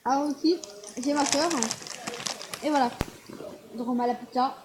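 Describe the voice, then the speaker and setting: Excitable, high-pitched woman gamer rambling casually, on a noisy home recording. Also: a little slow. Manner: chatty, excitable, rambling with fillers. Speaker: gaming vlogger. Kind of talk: casual screen-recorded commentary.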